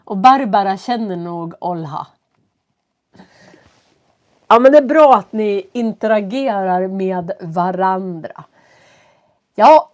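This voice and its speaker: A woman with a stuffy nose and a cough, teaching from home and talking slowly and clearly for learners as she greets viewers on a live stream. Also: mid-range voice, a little mellow. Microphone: computer setup.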